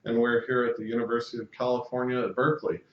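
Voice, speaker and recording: A man's voice: mid-range voice, level tone, fast talker. A man interviewing a guest, hesitant, repeating words and using many fillers. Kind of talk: interview questions. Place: university building. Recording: distant, echoey and muffled.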